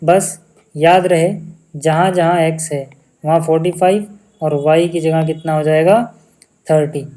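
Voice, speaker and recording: Young male maths teacher, warm and mellow tone, casual and patient, checks in with students often. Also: a little high, steady tone, measured pace, poor audio. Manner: casual, keeps checking understanding with questions. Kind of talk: explaining solutions step by step.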